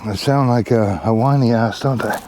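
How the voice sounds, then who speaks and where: A man's voice: medium pitch, moderate pace, a little mellow, slight background noise. A man giving a casual, rambling how-to while planting trees outdoors, with many fillers and asides to his viewers, recorded on a camera set down nearby. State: back tightening up, a bit strained. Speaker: tree planting vlogger. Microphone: camera mic, set down nearby.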